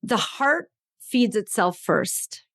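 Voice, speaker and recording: A woman's voice: medium pitch, animated, slow, creaky, fairly bright tone, dry recording, clean studio sound. A middle-aged woman, a physician and coach, giving emphatic advice in a podcast interview and acting out quoted inner voices.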